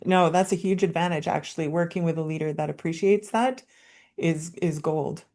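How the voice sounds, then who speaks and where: A woman's voice: fairly low pitch, moderate pace, warm tone. A woman moderating a webinar panel, relaying audience questions and affirming the speaker over a video call.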